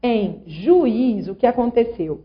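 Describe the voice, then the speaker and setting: Slow and fairly high-pitched, with lively intonation, a woman teaches grammar online. She explains rules patiently, syllable by syllable, and asks the viewer to follow along, recorded in slightly dull lo-fi sound.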